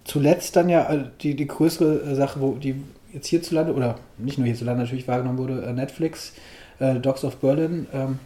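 A man hosting an interview, asking questions in a halting way and searching for words. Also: medium pitch, dark tone, roomy sound. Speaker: podcast host, interviewer. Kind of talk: casual interview.

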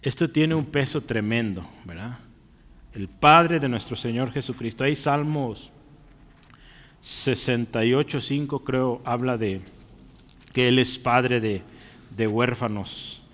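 In a long-reverb church recording, a man preaches slowly in a medium-pitched, slightly bright voice. His sermon is a teaching one, peppered with short questions to the congregation.

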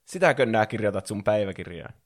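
A man's voice: on the low side, expressive. A man voicing a playful boy bandicoot who teases his sister in a lazy, mocking way. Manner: teasing, mocking.

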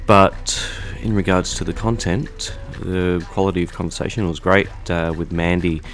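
A very low-voiced man introduces his podcast episode in an easygoing, chatty way. He talks from a studio, with faint music in the background. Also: normal speed. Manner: relaxed, conversational, with fillers. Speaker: podcast host. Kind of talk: casual spoken intro and interview. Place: recording studio.

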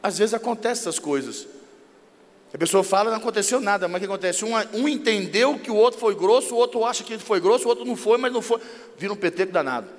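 High-voiced Brazilian man preaching animatedly. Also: fast, in a large hall. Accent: Brazilian Portuguese. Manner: lively storyteller who acts out dialogues. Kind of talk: informal sermon on marriage.

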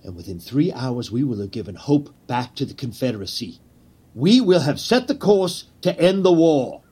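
A man's medium-pitched, warm, husky voice is very animated as he confidently plays a grandiose Confederate conspiracy leader in an 1860s period piece. He pleads and persuades theatrically, pausing for emphasis.

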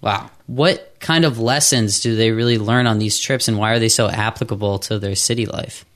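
A man's voice: lowish voice, normal speed. A man co-hosting a podcast, asking earnest interview questions and citing statistics. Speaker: podcast co-host.

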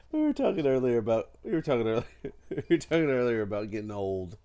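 A man's voice: mid-range voice, sing-song, a little fast, mellow, smooth. A middle-aged man who is sick with a cold, chatting casually and jokingly as a podcast co-host. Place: at home in a house.

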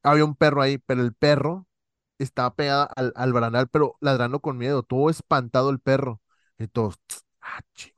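Guy spinning a spooky story, slangy and animated, dry sound. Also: mid-range voice, brisk, no echo. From Monterrey, Mexico. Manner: animated storyteller, acts out voices, heavy slang. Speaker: podcast co-host. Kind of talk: casual storytelling chat.

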